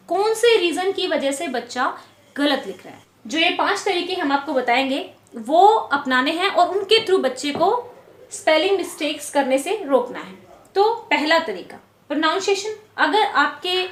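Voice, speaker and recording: High-voiced woman teacher, echoey room. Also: fairly bright tone. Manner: patient, repeats words slowly syllable by syllable. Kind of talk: explaining lesson to parents.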